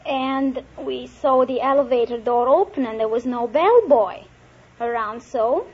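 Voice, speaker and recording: High-voiced woman telling a rambling story. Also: a little slow, slightly rough. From Egypt. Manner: earnest, rambling anecdotes. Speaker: contestant, housewife. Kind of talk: chatty storytelling. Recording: lo-fi vintage broadcast recording with audience.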